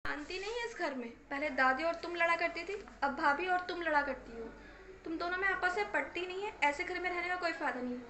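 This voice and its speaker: A woman's voice: high voice, flat delivery, moderate pace, fairly bright tone, echoey room, a little hiss or hum. A woman playing an angry married daughter who scolds her mother with emphatic repetition in an acted family story. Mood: fed up. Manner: reproachful, emphatic, repeating herself.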